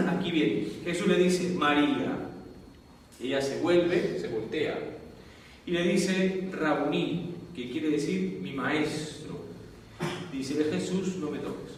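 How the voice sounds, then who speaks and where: Slow and on the high side, a man's voice carries a little hiss or hum as a Peruvian Spanish-accented priest teaches the Bible, checking in with students constantly. It's recorded far off in a very reverberant classroom or lecture hall.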